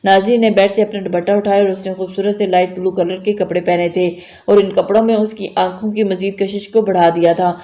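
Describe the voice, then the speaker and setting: A woman reads a romantic novel aloud in a calm, even storytelling manner. Her voice sits at a middle pitch, and the reading is steady. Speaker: novel reader.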